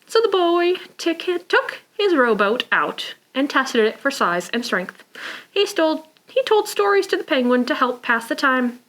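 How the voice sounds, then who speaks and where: With a high voice and measured pace, a children's librarian reads picture books aloud to a preschool storytime crowd. She speaks in simple, child-friendly phrases and expresses herself with sighs, gasps and exclamations.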